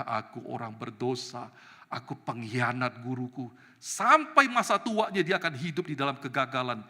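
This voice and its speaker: A male evangelist preaching a sermon with animated delivery that climbs to loud, emphatic peaks. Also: medium pitch. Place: church sanctuary. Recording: reverberant church hall.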